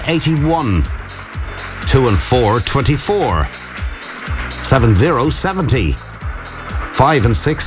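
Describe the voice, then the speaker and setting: An Irish man working as a radio bingo caller, announcing numbers digit by digit in a scripted presenting style. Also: medium pitch. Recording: music bed behind the voice. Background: music.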